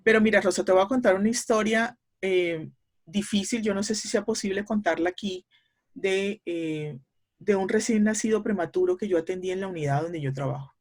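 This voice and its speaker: Middle-aged woman explaining like a teacher. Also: mid-range voice. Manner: measured, teacherly, with frequent hesitation fillers. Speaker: speech therapist guest. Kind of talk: explanatory interview talk.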